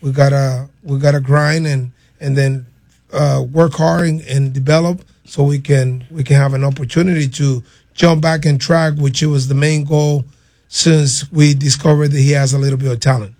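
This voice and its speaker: A middle-aged man from Venezuela, answering interview questions haltingly and earnestly as a player's father. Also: medium pitch, little pitch movement, a little mellow. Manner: halting, repeats words, earnest.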